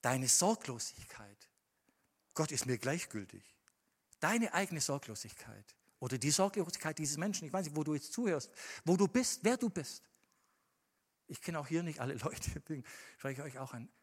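A male preacher delivering a sermon in a church hall, his slightly husky voice carrying a long, ringing reverb around him. His pitch rises and falls widely as he shifts from hushed, deliberate scripture reading to loud, passionate appeals. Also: expressive. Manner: swings from quiet, measured reading to loud, impassioned emphasis.

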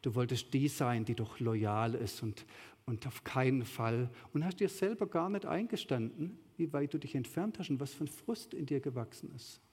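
A man's voice: medium pitch, normal speed, darkish tone, slightly rough. A man giving a sermon with slides, talking conversationally and rising to emphatic peaks. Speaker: preacher. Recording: long hall reverb.

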